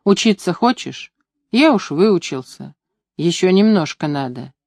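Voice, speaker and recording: A reader voicing a strong young mother in a story, brisk and commanding. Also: medium pitch, animated, no echo, studio quality.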